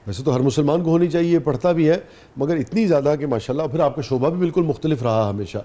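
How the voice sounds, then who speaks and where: A man's voice: fairly high pitch, dark tone. A man with a Pakistani Urdu accent hosting a talk show, affirming his guest often and asking questions with admiration. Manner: attentive, frequent affirming murmurs, admiring.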